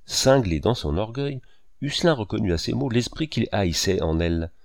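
Gravelly man narrating a novel. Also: fairly low pitch, dry recording, clean studio sound. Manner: measured, expressive storytelling. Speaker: audiobook reader. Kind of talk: literary audiobook narration.

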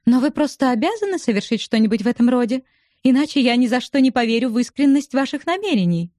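A woman putting on a high teasing young widow. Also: lively intonation, quick pace, dark tone, dry recording, clean studio sound. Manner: coquettish, bantering.

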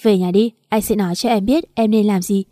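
A woman voicing an arrogant, married rich man who barks short orders, read in a mellow tone in a dry recording. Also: medium pitch, fairly even intonation, fairly quick, dry recording, lightly acted. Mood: mocking. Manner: curt, commanding.

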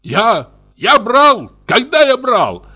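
A man voicing a quarrelsome young peasant who shouts in a high, screeching voice. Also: big pitch swings, a little slow, full character voice. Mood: furious. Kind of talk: audiobook character voice.

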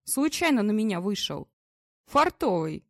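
A woman's voice: mid-range voice, big pitch swings, unhurried, dry recording, clean studio sound. A woman reading an audiobook, voicing a drunk, crude, bullying male police general who slurs and swears. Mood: drunk maudlin. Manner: slurred, coarse, swearing.

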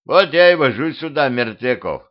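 A man voicing an old village cart driver who groans and grumbles in a drawn-out way, in a self-made audiobook. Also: medium pitch, expressive, pitched above the performer's own voice, lightly acted. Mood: grumbling. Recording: dull lo-fi home recording.

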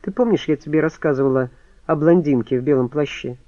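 A man doing a sharp-tongued young widow. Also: fairly high pitch, dry recording, lo-fi sound, natural voice. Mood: brisk. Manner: brisk, mocking retorts.

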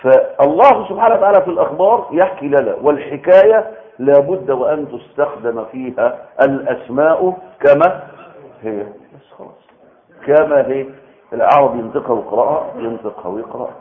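A man with an Egyptian accent giving a colloquial religious lecture, animated, asking the audience rhetorical questions and answering them himself. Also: mid-range voice, brisk, phone-quality sound. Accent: Egyptian Arabic. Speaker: preacher giving Quran commentary.

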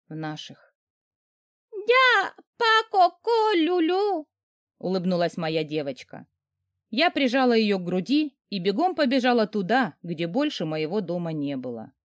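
A woman telling a story in the first person, expressive and emotional, her pitch moving widely through each sentence. She sits close to the mic in a dry, dead-quiet sound. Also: moderate pace, dry recording. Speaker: audiobook narrator. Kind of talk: first-person audiobook narration.

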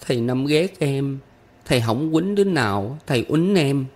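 A man's voice: mid-range voice, expressive, moderate pace, darkish tone, voice pushed up, lightly acted. A man voicing a pleading, sulky little girl with a Southern Vietnamese accent in an audiobook. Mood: tearful. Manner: coaxing, whiny pleading. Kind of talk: audiobook character voice.

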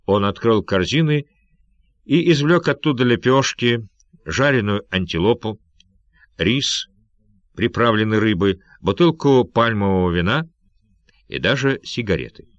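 A man reading an adventure novel aloud in measured, expressive narration. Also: fairly low pitch, dry recording, dull audio. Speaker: audiobook reader. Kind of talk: scripted narration.

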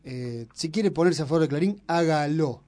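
A radio host with an Argentine accent speaks at a moderate pace in a fairly high, mellow voice. His banter is opinionated: he ribs his co-host, provokes, and lectures extensively on politics in an argumentative manner.

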